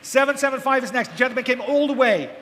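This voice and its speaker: High-pitched male auctioneer in an echoing hall. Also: fast, fairly bright tone. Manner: auctioneer's chant of repeated bids, prompting bidders. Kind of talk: live auction calling. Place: large auction hall with live audience. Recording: echoey noisy hall, amplified live event.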